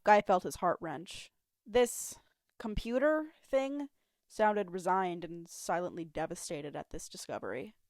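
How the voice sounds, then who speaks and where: A woman's voice: fairly low pitch, lively intonation, a little slow, a little mellow, dry recording, clean studio sound. A woman narrating fan fiction as an amateur audiobook reader on a home mic, telling it expressively. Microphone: home mic, not professional.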